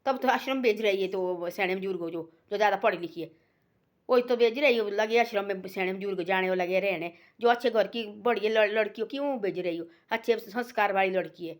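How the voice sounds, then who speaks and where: A woman's voice: medium pitch, a little fast. A woman telling a moral story in a homely, rambling way, constantly repeating filler words. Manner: homely, folksy and unpolished. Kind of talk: casual spoken moral story.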